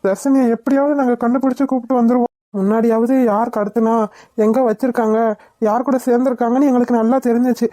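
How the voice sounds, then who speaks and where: An earnest young man in a cartoon, reassuring a worried mother in quick, mellow speech, as a woman voices him. The voice is close and dry. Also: fairly high pitch, no room sound, natural voice. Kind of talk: cartoon voice acting.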